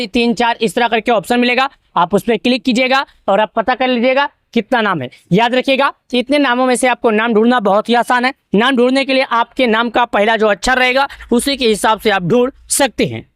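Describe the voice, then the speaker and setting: A woman's voice: a little high, dry recording, studio quality. A woman from Uttar Pradesh presenting a news channel, narrating a screen-recorded tutorial step by step and speaking directly to farmers in a repetitive way. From Uttar Pradesh, India.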